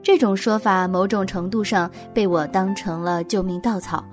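A woman voicing a young woman who talks earnestly in first person about her parents' divorce, with soft music behind. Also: medium pitch, steady tone, normal speed, close to an everyday voice. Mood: reflective.

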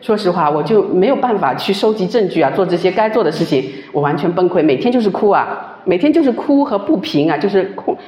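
A woman's voice: on the low side, expressive, fast, hardly any pauses, mellow, reverberant. A woman giving a personal faith testimony at church, emotional and stretching out the particles at the ends of her sentences.

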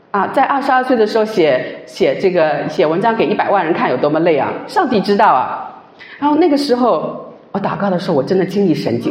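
A woman's voice: medium pitch, reverberant. A woman giving a personal faith testimony at church, emotional and stretching out the particles at the ends of her sentences.

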